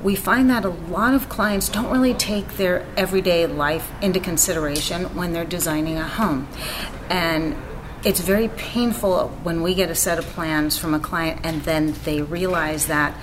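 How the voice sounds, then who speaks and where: A woman's voice: lowish voice, steady tone, normal speed. A woman who runs an interior design studio, introducing herself fluently and confidently on a panel. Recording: noticeable background noise.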